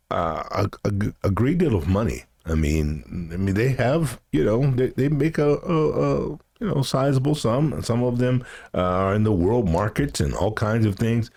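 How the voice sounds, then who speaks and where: A middle-aged man talks casually with his son on a podcast. His voice is on the low side but moves around a lot. He stumbles and restarts often before landing his points. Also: a little mellow, slightly rough. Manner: halting, stammering restarts, laughs often. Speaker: guest, host's father. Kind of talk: casual chat.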